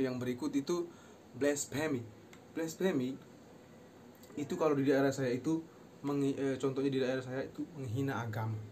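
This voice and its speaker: A young male student talks through a recorded class presentation at a middle pitch. He explains each term, then slowly sounds the phrase out again, with a few English words dropped in. A faint hiss sits under the voice. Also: a little mellow. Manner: mixes in short English phrases. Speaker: university student.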